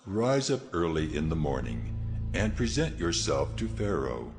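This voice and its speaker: A very low male voice as a commanding God of ancient scripture. He declaims solemnly and with authority in an audio Bible drama, with music playing underneath. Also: sing-song, a little slow, heavily acted.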